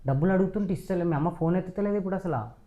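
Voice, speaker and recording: A man's voice: high voice, very fast, dark tone, muffled recording. A man, arguing insistently with his wife and raising his voice in a staged family quarrel. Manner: accusing, insistent, raises voice. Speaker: husband.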